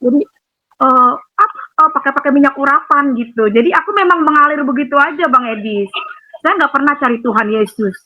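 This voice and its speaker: A woman giving an emotional personal testimony over a phone call, rambling and animated with many fillers. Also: sits high, brisk. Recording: tinny phone line with faint noise.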